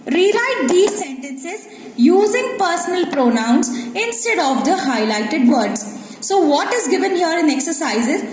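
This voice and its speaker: Slow, high-voiced Indian English teacher. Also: female voice. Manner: slow, explanatory, checks with "Clear?". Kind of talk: recorded classroom grammar lesson. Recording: echoey room with faint ambient noise.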